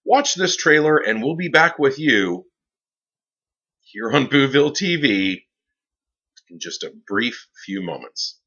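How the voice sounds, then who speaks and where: A man hosting a horror movie show in a campy, theatrical horror-host style with drawn-out phrasing. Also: mid-range voice, animated, sharp tone, husky, muffled recording.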